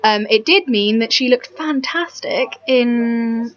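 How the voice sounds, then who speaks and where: A woman's voice: a little high, takes it slowly, dull audio. A woman rambling casually about history to camera, self-deprecating, full of ums and restarts, sounding tired in the early morning. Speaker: history vlogger.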